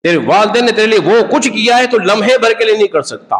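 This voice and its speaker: A man's voice: sits high, animated, a bit bright, in a large hall. A man preaching a sermon, telling a story and asking the audience rhetorical questions. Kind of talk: sermon on hadith.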